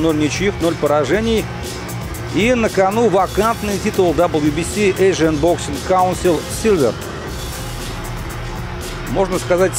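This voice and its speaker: A man giving live boxing commentary in measured, short phrases with pauses. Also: high voice.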